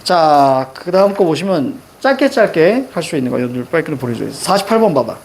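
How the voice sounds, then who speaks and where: A male teacher giving a classroom lecture on exam questions, brisk and instructive, checking in often with quick rhetorical questions. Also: fairly high pitch, very animated, a little mellow, a little hiss or hum. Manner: brisk, instructive, keeps students marking text.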